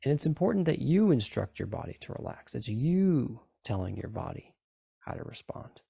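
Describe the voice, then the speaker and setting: Low gravelly guy doing guided relaxation, repeats his instructions coaxingly, little check-in questions, dry sound. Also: very animated, moderate pace, dark tone, no room sound. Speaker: group session leader guiding tapping and relaxation.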